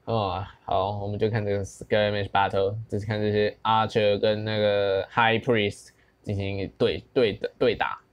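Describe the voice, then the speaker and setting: A young man with a Taiwanese Mandarin accent giving casual, excited commentary on a battle game, mixing in English and plenty of exclamations. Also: on the low side, unhurried, dull audio. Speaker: gaming channel host.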